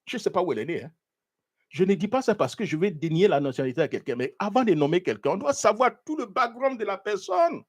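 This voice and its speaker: A man's voice: high voice, fast talker. A man hosting a live talk show, giving indignant political commentary while looking things up online. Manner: animated, indignant, searching online while talking. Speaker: show host.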